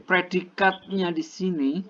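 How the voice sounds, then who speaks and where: A man lectures a classroom, his voice sitting a little high as he explains slowly and repeats each point in translation. The recording is dull and lo-fi, with clear noise running under his voice. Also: steady tone, fairly bright tone. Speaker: English teacher. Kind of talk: classroom lecture, mixing languages.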